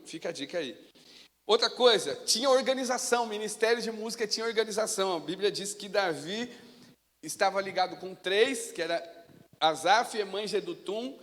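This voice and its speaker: Male pastor, high-pitched, lively storyteller from the pulpit; reverberant sanctuary sound. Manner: storytelling, animated, casual. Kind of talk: sermon. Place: church sanctuary. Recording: long reverb of a church hall.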